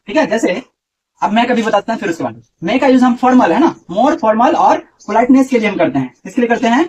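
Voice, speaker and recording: A man's voice: extremely high pitch, animated, fairly quick, darkish tone, breathy edge, recorded from a distance, lo-fi sound. A man teaching a grammar lesson to a class, often asking questions and repeating the answers.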